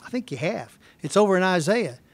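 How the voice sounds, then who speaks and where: A man preaching a sermon, building to emphatic, rhetorical high points and then dropping his voice low. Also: sing-song, fairly quick, dry recording. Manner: emphatic, swings loud and soft, rhetorical questions. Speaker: pastor.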